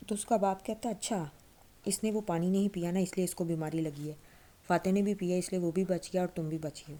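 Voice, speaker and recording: A woman's voice: fairly low pitch, mellow. A young woman casually retelling a novel's plot in a loose, chatty way, often correcting herself mid-sentence. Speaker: novel recap storyteller.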